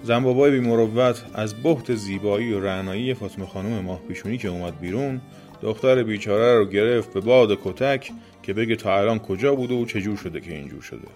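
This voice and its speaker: A man with a lowish voice tells a folk tale in a lively, colloquial manner. Soft music runs quietly behind his narration. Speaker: storyteller.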